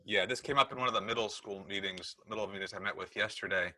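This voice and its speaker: A middle-aged American man leads a casual work meeting on a video call as the school's technology administrator, explaining things and often correcting himself. His lowish voice is quick, bright and forceful, in a dry recording.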